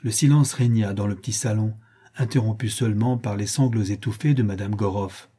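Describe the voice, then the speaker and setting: A man narrating a classic French novel as an audiobook, calm and even-paced. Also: fairly low pitch, fairly quick, husky.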